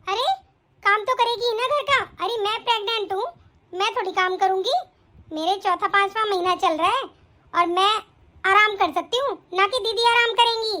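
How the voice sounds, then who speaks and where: A woman voicing a spoiled, pregnant young daughter-in-law who sneers and whines in an animated family drama. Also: very high-pitched, normal speed. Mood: smug. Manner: whiny, sneering.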